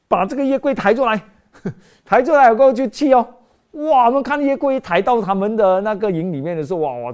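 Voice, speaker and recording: A woman preaching a sermon in an animated storytelling way, acting out voices and dropping in English phrases. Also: mid-range voice.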